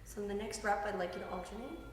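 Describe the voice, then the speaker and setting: A woman's voice: mid-range voice, quick pace. A woman prenatal fitness instructor giving encouraging, step-by-step exercise directions to a client. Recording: very echoey hall, distant mic, background noise.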